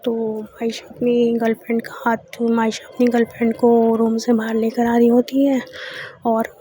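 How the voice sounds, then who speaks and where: A woman's voice: on the high side, flat delivery, normal speed, mellow, breathy edge, no room sound. A woman storyteller narrating a love story in a chatty, loose way, full of fillers.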